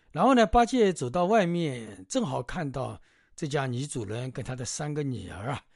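A man's voice: medium pitch, slightly rough, no room sound, studio quality. A man telling a classic tale in a chatty, casual way, with frequent hesitations and fillers. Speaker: storyteller. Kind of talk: casual storytelling narration.

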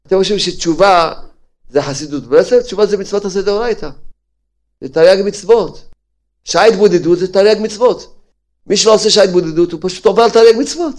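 Rabbi preaching with hammering rhetorical questions. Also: male voice, high voice, long pauses. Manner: hammering rhetorical questions, swings from loud to hushed. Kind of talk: sermon.

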